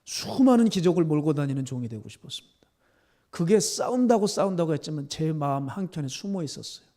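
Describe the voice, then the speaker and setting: A middle-aged male pastor delivers a sermon, narrating a personal story. His voice is warm and mellow and sits a little high. He drops to hushed near-whispers, then rises into impassioned, emotional preaching. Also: expressive, fast. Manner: storytelling, rising to emotional fervor, dropping to soft near-whispers.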